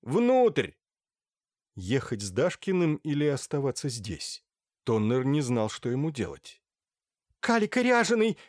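An expressive male audiobook narrator with a lively, wide-ranging delivery and a middle pitch. He reads close to the mic in a dry recording with no room sound. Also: normal speed, no echo. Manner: animated, voices each character. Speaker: audiobook reader.

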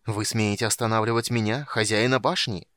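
A man reading an audiobook, voicing a stern, commanding dark elf wizard who rules a tower. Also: on the low side, fairly even intonation, brisk, no room sound, studio quality, close to an everyday voice.

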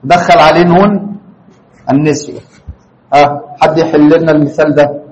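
A man's voice: fairly high pitch, fairly even intonation, normal speed, darkish tone, dull audio. A man with an Egyptian Arabic accent teaching a grammar lesson to a class, constantly quizzing students with questions. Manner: questioning, prompts students for answers.

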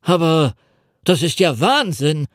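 In a clean studio recording with no echo, a man voices an older general protesting indignantly. He pitches a full character voice above his own, a little high, moving slowly with big swings in pitch.

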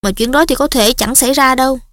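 A woman voicing a calm, soft-spoken teenage schoolboy in an audiobook. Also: high voice, fast, no room sound, studio quality.

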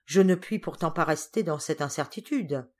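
A woman's voice: on the low side, lively intonation, moderate pace. A woman voicing an agitated, indignant older uncle in an audiobook. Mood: angry. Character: angry stern older uncle, a man.

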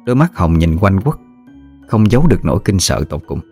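A man narrating a ghost story in a measured, somber manner. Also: sits low, sing-song, darkish tone, soft background music.

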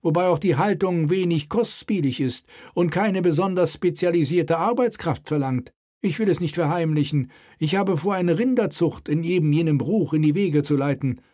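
A man's voice: on the high side, moderate pace, hardly any pauses, dark tone, pitched above the performer's own voice, lightly acted. A male reader voicing a smug, self-satisfied dike inspector who explains things at leisure.

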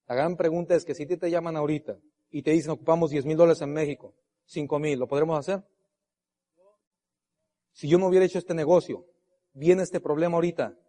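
A middle-aged man giving a motivational convention speech, swinging between shouted resolve and hushed storytelling. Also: fairly high pitch. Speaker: motivational speaker. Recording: long reverb of a large hall.

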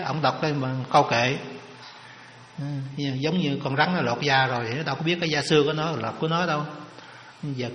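Monk telling a story in a sermon, folksy, bright voice, long reverb in a big hall. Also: male voice, fairly high pitch, a little hiss or hum. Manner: folksy, lively retelling with jokes and asides. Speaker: monk giving a dharma talk.

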